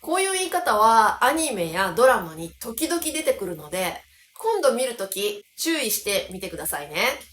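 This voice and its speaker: A woman from the Kansai region of Japan, a language teacher giving an explanatory lesson and slowing down to stress key words. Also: fairly high pitch, big pitch swings, a bit bright, a little hiss or hum. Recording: roomy echo.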